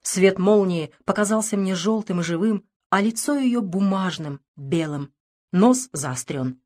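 A woman narrating a literary audiobook with expressive, tense storytelling. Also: medium pitch, unhurried. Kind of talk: dramatic literary reading.

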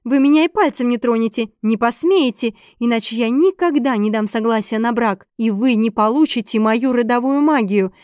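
A woman's voice: a little high, moderate pace, hardly any pauses, a little mellow, no echo, studio quality, close to an everyday voice. A woman voicing a proud, defiant young unmarried noblewoman who answers back haughtily. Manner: haughty, bold retorts.

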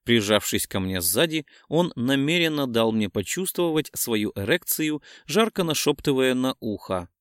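A man reading a first-person romance novel aloud as an audiobook, in a smooth, lively narration. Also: mid-range voice, moderate pace, few pauses, dry recording, clean studio sound.

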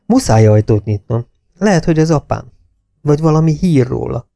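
A man voicing a young woman in an audiobook, raising his pitch for her lines. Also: expressive, vocal fry, warm tone, dry recording, clean studio sound. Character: young woman, anxious but cooperative.

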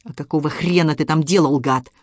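A man's voice: fairly high pitch, steady tone, a little fast, no room sound, studio quality, lightly acted. A man reading an audiobook, voicing an enraged male police officer who swears and threatens. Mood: hostile. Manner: shouting, swearing, desperate.

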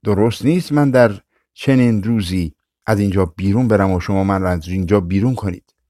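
A man reading an audiobook voices a poor, hungry old stranger who pleads softly. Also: on the low side, no room sound, clean studio sound, lightly acted. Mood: pleading. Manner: soft, pleading.

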